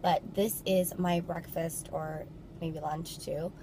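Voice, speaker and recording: A young woman with a deep, mellow voice chats casually in a vlog, speaking slowly and steadily with slight background noise. She sounds bubbly and talkative, peppering her speech with "like," and her voice is a little nasal from a cold.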